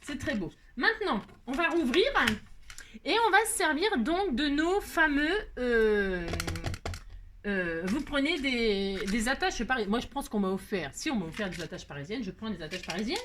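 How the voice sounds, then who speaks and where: A woman's voice: a little high, expressive, moderate pace, background noise. A middle-aged woman hosting a casual crafting tutorial at her table, chatty and self-mocking, laughing at herself.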